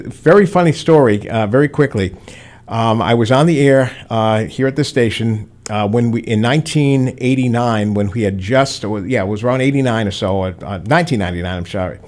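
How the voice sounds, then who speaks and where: Middle-aged man, veteran DJ, loose rambling advice, studio mic. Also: mid-range voice. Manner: rambling, storytelling with animated quoted voices. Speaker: veteran radio DJ and guest. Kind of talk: casual radio chat giving advice. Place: radio studio.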